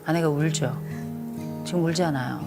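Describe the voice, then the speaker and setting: A woman's voice: low voice, normal speed, gravelly, over loud music. A middle-aged woman counseling a couple on television, stern and lecturing, repeating her instructions firmly. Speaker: marriage counselor. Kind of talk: blunt counseling session on TV.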